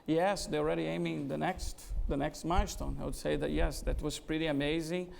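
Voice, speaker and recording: A middle-aged Brazilian business executive, a guest at a fireside-style interview, addresses an audience at an event venue. His gravelly, slightly high voice carries a strong Brazilian Portuguese accent and a steady tone, and he often pauses to find words, saying "uh" a lot. There's slight background noise.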